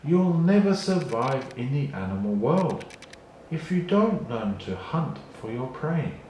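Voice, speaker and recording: A man's voice: medium pitch, big pitch swings, a little slow, warm tone, very echoey, a little hiss or hum, rough recording. A man voicing a stern, worried mother lioness from a storybook, firm and admonishing.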